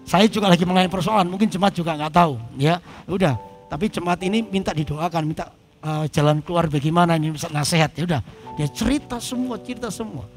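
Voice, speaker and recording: A man's voice: sits high, fast talker, soft background music. A male pastor preaching to his congregation, telling a personal story and animatedly acting out both sides of the conversation. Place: church service before a congregation.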